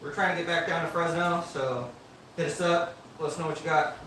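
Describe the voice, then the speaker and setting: A man teases his bandmates during a casual band livestream. His voice is a bit high for a man. He sounds distant in an echoey room with clear background noise. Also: fairly even intonation, fairly quick, fairly bright tone. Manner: laughing, teasing. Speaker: band member. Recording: roomy echo, off-mic, noise.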